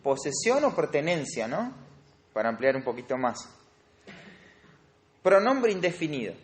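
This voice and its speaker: A man's voice: on the high side, very animated, unhurried. Argentine man teaching a grammar class. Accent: Rioplatense Spanish. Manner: explanatory, asks the class questions.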